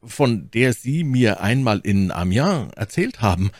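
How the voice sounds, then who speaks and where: A man's voice: lowish voice, very animated, unhurried, no room sound, clean studio sound, pitched above the performer's own voice, heavily acted. A man voicing an agitated young male musketeer who speaks urgently. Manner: urgent, breathless.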